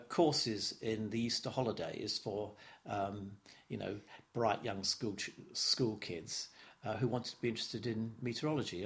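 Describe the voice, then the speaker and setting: In this oral history interview, a man in his seventies from London reminisces about his youth in a lowish, slightly bright voice. He speaks haltingly and thoughtfully, repeating words as he trips over them, and laughs softly when things come back to him.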